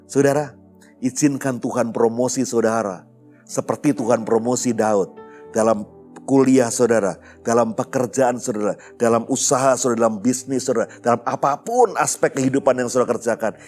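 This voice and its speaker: A man's voice: medium pitch, moderate pace, darkish tone, soft background music. A male pastor, telling a personal story in a conversational sermon and often turning to address his listeners.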